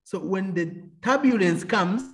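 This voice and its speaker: A man's voice: sits high, lively intonation, unhurried, a bit bright. A man, an engineer turned entrepreneur, telling stories about his faith and business in an interview. He laughs often and acts out the voices of other people. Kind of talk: faith-filled storytelling interview.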